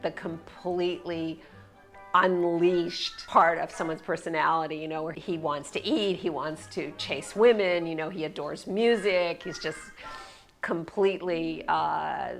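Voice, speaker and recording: Low, creaky woman explaining casually. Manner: chatty, frequent fillers. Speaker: commentator.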